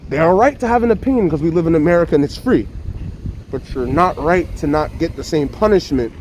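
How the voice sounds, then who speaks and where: A man's voice: on the high side, animated, a little fast, a little mellow, slight background noise. A man talking through a face mask, arguing his opinions in an impassioned, insistent way and repeating phrases for emphasis. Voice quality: slightly muffled, speaking through a face mask. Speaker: interviewee giving opinions. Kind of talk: impassioned street debate.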